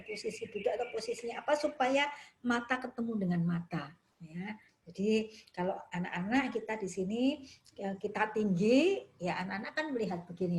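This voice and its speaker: A woman's voice: on the high side, a little hiss or hum. A woman from Indonesia teaching a counseling workshop, explaining step by step and tagging her sentences with "ya". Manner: warm explanatory, frequent "ya" tags. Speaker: counseling trainer.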